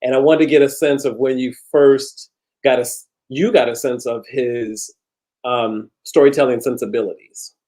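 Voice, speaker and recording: A man hosting an interview, asking questions with restarts and answering with quick affirmations. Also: mid-range voice, fairly even intonation, poor audio. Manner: warm prompts, frequent short affirmations, restarts. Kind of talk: conversational interview.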